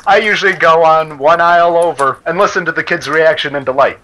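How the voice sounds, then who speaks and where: A man's voice: on the high side, a little fast, bright, forceful tone. A man casually reading a story aloud to friends, laughing and stumbling over words as he goes. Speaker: story reader. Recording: noisy game chat with gunfire. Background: game gunfire and clicks.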